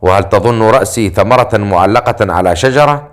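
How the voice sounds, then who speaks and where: A man's voice: fairly low pitch, animated, brisk, lightly acted. A man voicing a self-assured, sarcastic male hero who teases dryly. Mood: wry.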